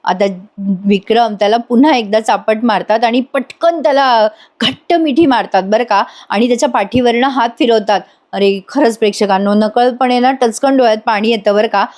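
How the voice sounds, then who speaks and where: A woman with a high, bright-pitched voice chats through a recap of a TV serial. She speaks directly to her viewers in a friendly, conversational way, as if telling the story to friends. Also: normal speed. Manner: chatty, addresses viewers directly. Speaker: TV serial reviewer. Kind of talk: casual episode recap narration.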